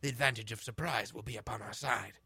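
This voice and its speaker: A man voicing a hulking male barbarian warrior in a low, gruff growl. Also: quick pace, pushed and bright, no echo. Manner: low, growling, mock-stern.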